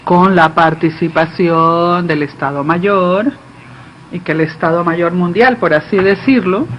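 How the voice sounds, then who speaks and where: High-pitched man interpreting, slow and halting. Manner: halting, phrase-by-phrase delivery. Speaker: conference interpreter. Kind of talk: live simultaneous interpretation of a political speech. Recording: dull lo-fi feed, faint background noise.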